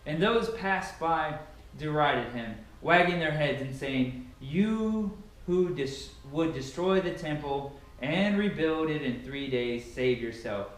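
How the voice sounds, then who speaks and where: Reading scripture with dramatic emphasis, a young man speaks slowly and expressively in a fairly high voice. He's recorded from a few meters off by a camera in a big, sparsely furnished living room that echoes heavily.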